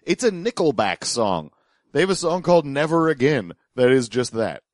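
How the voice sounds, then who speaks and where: A man's voice: medium pitch, big pitch swings, normal speed, dry recording, studio quality. A man co-hosting a podcast, giving casual comedic commentary. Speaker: podcast co-host.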